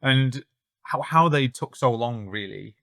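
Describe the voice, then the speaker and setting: A man's voice: medium pitch, expressive, gravelly, a bit bright, no room sound, studio quality. A man hosting a podcast interview, chatting casually and agreeing often. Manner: quick, conversational, lots of backchannel agreement. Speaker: podcast host.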